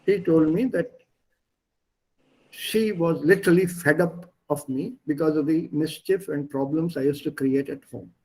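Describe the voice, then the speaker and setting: A slightly high, warm-toned male voice comes through poor audio. The speaker, a Gujarati native with an Indian accent, teaches German online in English over a video call, patiently explaining and slowing to stress key words.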